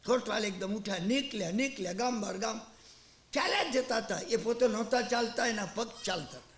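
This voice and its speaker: Male preacher, animated storyteller, high pitch, roomy sound. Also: brisk. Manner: animated storyteller acting out characters. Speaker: Jain preacher. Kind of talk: sermon with storytelling.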